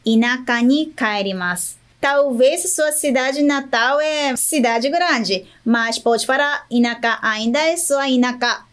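A woman from Japan with a Japanese accent, a native Japanese speaker, teaching a language lesson, repeating each word slowly and checking in with the listener. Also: high voice, a bit bright. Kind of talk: slow, patient Japanese lesson.

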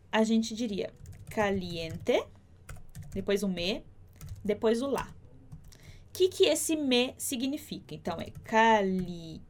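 A woman teaching a language lesson, breaking each phrase down slowly and carefully. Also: fairly high pitch. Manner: slow, careful, spelling out phrases. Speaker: Spanish teacher.

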